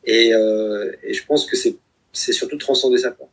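A man in his thirties with a husky, slightly breathy voice talks through his thoughts in a relaxed conversation. He hesitates often, filling gaps and restarting sentences as he goes. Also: mid-range voice, normal speed. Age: 30s. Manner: hesitant, many fillers and restarts. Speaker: guest, author of a book project. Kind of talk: reflective conversational talk.

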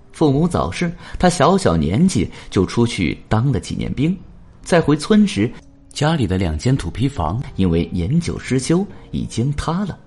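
A man's voice: medium pitch, a little mellow, breathy edge. A man narrating a story expressively, shifting into voices for the characters.

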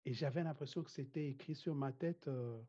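Talking a little fast in a medium-pitched, dark-toned voice, this interview guest is a man from Rwanda who grew up speaking Kinyarwanda. His casual talk is hesitant, full of restarts and frequent laughs, and the recording is dull and lo-fi.

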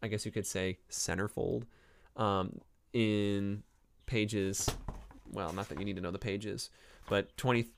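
Speaking in a lowish register with vocal fry, this man plays an anthropology professor hosting a laid-back book review podcast, wandering off topic and peppering his talk with ums and uhs. It's recorded live in his home library, with a faint hiss or hum.

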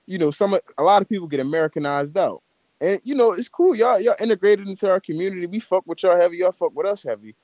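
A man's voice: high voice, lively intonation, fast, darkish tone, no echo. An American man in a heated casual debate, blunt and profane, pressing his point emphatically. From United States. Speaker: participant in an audio chat room.

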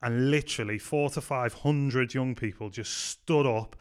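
His medium-pitched voice is clear and resonant, and he keeps a measured pace. A youth pastor with a Scouse accent from Liverpool, England, he chats in a casual podcast interview, recounting animated anecdotes peppered with frequent "um"s.

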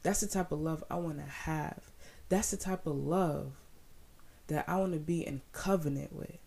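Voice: mid-range voice, normal speed, creaky, mellow, husky. A speaker giving a casual devotional Bible talk, fervent and repeating phrases for emphasis.

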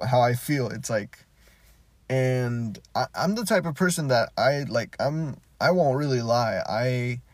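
Parked in his car, a native Spanish speaker hosts a casual solo podcast, rambling in a laid-back way and often restarting his sentences. His voice is medium-pitched and a little mellow, with no room sound.

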